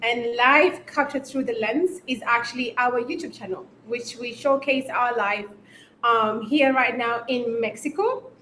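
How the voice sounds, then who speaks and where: A young woman from Kenya who was raised in the UK, a YouTuber, tells her story as a guest in a casual interview, chatting with lots of ums. Her voice is a little high, a bit bright and unhurried. The low-quality recording has an echoey room and a little hiss or hum.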